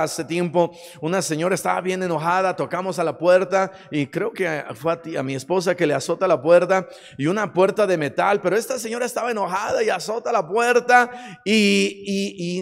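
Pastor, male, impassioned sermon with fillers, lingering hall echo. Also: high voice. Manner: impassioned, many hesitations and fillers. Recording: long hall reverb.

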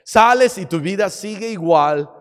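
A man preaching a sermon, swinging from hushed asides to shouting. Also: high voice, animated, a little slow, clean tone. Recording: long hall reverb.

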